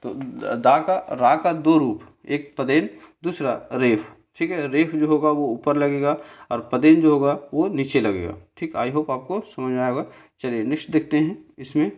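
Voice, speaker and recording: A man's voice: on the high side, darkish tone. A man teaching a grammar lesson over a slide, explaining step by step and often checking in with his listeners. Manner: slow, repetitive, checks in with "theek hai"; spells out syllables slowly.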